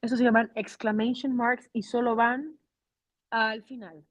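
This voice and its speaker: Slow-paced woman teaching English online. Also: on the high side, flat delivery, dry recording, poor audio. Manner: switches between English and Spanish, checks in with "okay?".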